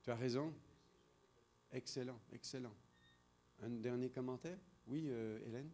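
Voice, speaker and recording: A man's voice: medium pitch, measured pace, a little mellow, soft background music. A man from France with a French accent, giving an interactive sermon-style talk and calling on audience members by name. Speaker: speaker at a church seminar.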